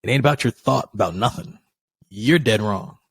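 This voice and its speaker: A man co-hosting a podcast in casual chat, telling stories with lively, acted-out dialogue and casual swearing. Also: lowish voice, moderate pace, gravelly, husky, no echo. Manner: animated storytelling, acts out quoted dialogue, swears casually. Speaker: podcast co-host.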